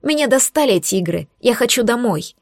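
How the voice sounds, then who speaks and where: A woman voicing a defiant young maid who is sharp-tongued and mocking, scoffing in a raised voice. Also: on the high side, lively intonation, a little fast, dry recording, clean studio sound.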